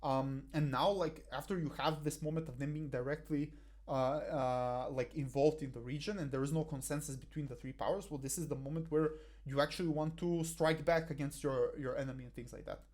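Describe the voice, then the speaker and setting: A young man from Bulgaria, working as a debate coach, goes over a debate motion with slides through a headset in a small room. His voice is a little high and a little mellow, steady and slightly fast, yet halting, with frequent fillers and restarts.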